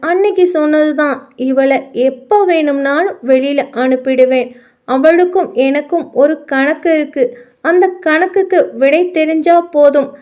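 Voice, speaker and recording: A woman voicing a harsh, contemptuous young husband who speaks with loud, cutting anger, on muffled lo-fi audio. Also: high voice, measured pace. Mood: scornful.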